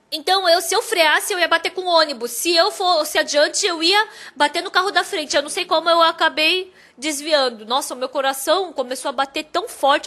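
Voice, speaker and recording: A woman preaching a sermon as a personal story, going from hushed to emphatic. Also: high voice. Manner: animated storytelling, loudness swinging from hushed to emphatic.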